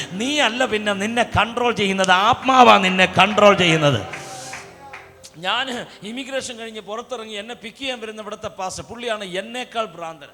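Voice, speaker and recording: A man preaches at a revival meeting, moving from storytelling into fervent shouting. His voice sits very high and cuts through sharply. The live recording carries a long, echoing reverb. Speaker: pastor. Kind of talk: Pentecostal revival sermon. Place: large outdoor revival meeting hall. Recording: reverberant live event sound.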